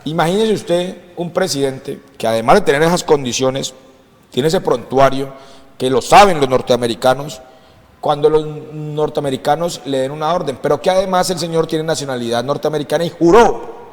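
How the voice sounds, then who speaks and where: A man's voice: a little high, normal speed, long reverb tail. A man from Colombia speaking as a political commentator on a talk show, impassioned and emphatic, repeating phrases for stress.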